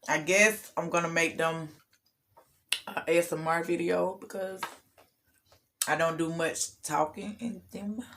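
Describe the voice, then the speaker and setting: A woman's voice: fairly low pitch, fairly even intonation, measured pace, pauses often, fairly bright tone, a little hiss or hum. A woman hosting a casual food tasting vlog, chatting to viewers while she eats and laughing often. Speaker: food vlogger.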